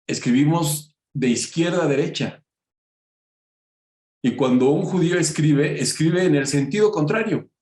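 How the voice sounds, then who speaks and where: A man teaching a Bible study lesson, calling his listeners brothers and often pausing on "este". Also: medium pitch, darkish tone, echoey room. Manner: slow and unhurried, many filler "este", addresses listeners as brothers.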